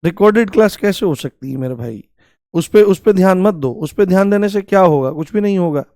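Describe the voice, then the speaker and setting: High-voiced male teacher, dry sound. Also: lively intonation, brisk, warm tone, no echo. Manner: repeats key points and quizzes students with questions; addresses students affectionately and drills pronunciation aloud. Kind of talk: live online exam-prep class.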